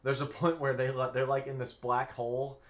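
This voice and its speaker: A man co-hosting a casual podcast, mostly giving short agreeing replies and quick jokes. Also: mid-range voice, flat delivery. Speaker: podcast co-host. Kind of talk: casual podcast chat about anime.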